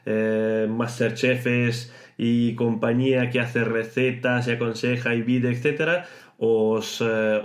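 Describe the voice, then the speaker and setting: A man whose first language is Italian hosts a podcast lesson and explains pronunciation, slowing down to stretch words out. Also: mid-range voice. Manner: explanatory, slows to exaggerate pronunciation. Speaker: podcast host teaching Italian. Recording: roomy echo.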